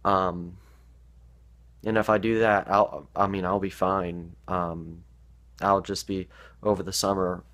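A teenage gaming YouTuber vlogs casually to his webcam in a small bedroom, hesitant and full of ums. His low voice is a bit bright but sounds stuffed up from allergies.

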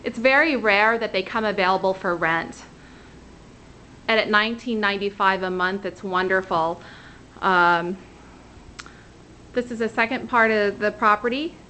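With a mid-range, bright and forceful voice, a woman in her thirties talks unhurriedly and pauses often, with slight background noise behind her. As a real estate agent, she narrates an upbeat handheld-camera tour of a rental condo, opening outdoors at the front door before walking the empty space and pointing things out room by room.

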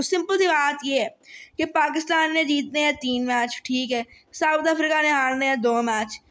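Chatty high-voiced man. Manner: chatty, excitable, thinks aloud with fillers. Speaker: cricket explainer host. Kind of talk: casual explainer talk to camera.

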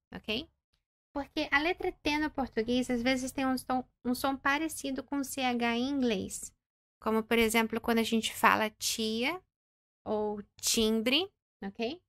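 Slow, careful woman teaching pronunciation. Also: a little high, a bit bright, no room sound. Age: 30s. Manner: slow, careful modelling of English words, frequent "ok?" check-ins. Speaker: English teacher. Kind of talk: English pronunciation lesson.

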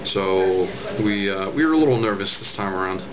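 A man's voice: low-pitched, expressive, moderate pace, crowd noise, poor audio. A man in his twenties narrating and chatting on a road trip in a car, dry and teasing. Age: 20s. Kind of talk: casual travel narration and car chat. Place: inside a moving car. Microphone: handheld camera in the car. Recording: loud road noise.

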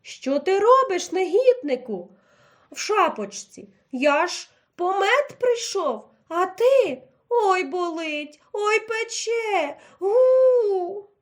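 A big, blustering bear, always hungry and quick to grumble, as a woman narrator puts him on. He talks gruff and impatient, with a lively, swooping voice. A children's audio fairy tale. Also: very high-pitched, voice pushed up, heavily acted. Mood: pained.

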